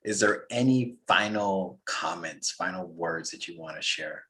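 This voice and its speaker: A man's voice: low-pitched, measured pace, bright, forceful tone. A man hosting a casual interview, asking loose, friendly questions and laughing easily. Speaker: interviewer host.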